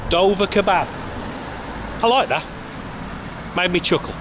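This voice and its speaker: A man's voice: high voice, a little slow. Chatty male vlogger outdoors. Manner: chatty, friendly questioning. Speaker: travel vlogger and host. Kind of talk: casual vlog narration and street interviews. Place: outdoors on town streets. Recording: outdoor street noise with traffic.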